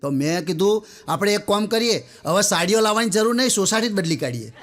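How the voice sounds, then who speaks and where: A stand-up comedian tells a run of Gujarati folk jokes in a chatty, storytelling way, often speaking straight to his listeners. His voice sits high and is a bit bright, expressive, and quick.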